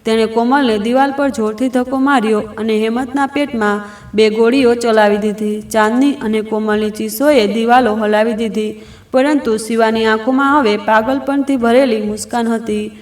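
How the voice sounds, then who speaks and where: High-voiced woman telling a dramatic story. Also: fairly even intonation, moderate pace, a little mellow, echoey room, far from the mic. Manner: dramatic, emotional reading. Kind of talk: scripted story narration.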